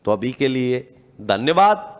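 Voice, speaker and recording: A man's voice: mid-range voice, sing-song, measured pace, long reverb tail. A man teaching a grammar lesson. He asks the class questions, answers them himself, and stretches out sounds to demonstrate them.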